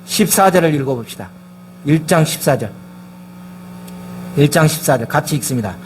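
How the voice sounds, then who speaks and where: A man's voice: a little high, animated, normal speed, slight background noise. A male pastor preaching a sermon in a church, emphatic and firing rhetorical questions at the congregation. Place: church sanctuary.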